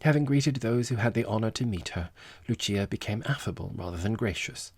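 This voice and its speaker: A man reads a comic novel aloud in a measured, wry narrating voice. His pitch sits on the low side with a slightly husky texture. The recording is dry and close, with no room sound. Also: animated, dry recording. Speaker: audiobook narrator.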